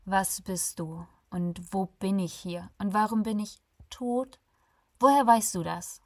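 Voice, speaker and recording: A woman voicing a stubborn, self-important businessman who speaks loudly and insistently, in a breathy voice. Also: on the low side, flat delivery, a little slow, no room sound, studio quality. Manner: loud, insistent, tense.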